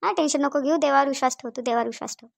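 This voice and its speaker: Here the same kind of character, a fussy middle-aged village mother from a cartoon, is voiced by a woman with a Varhadi Marathi accent and a very high pitch. Her mood is soothing, yet she still nags, repeats things, and ends lines with tag questions, talking very fast with vocal fry.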